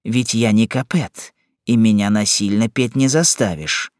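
A man's voice: fairly low pitch, a little slow, darkish tone, dry recording, studio quality, lightly acted. A man voicing an upright male sergeant who reproaches a bully firmly in an audiobook. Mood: indignant. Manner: firm, reproachful. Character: indignant upright male sergeant, defends the weak. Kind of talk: audiobook character reading.

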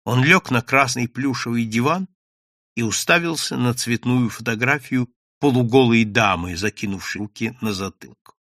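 A man reading an audiobook story aloud in an expressive, dramatic way. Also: mid-range voice, normal speed, no echo, clean studio sound. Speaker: audiobook reader.

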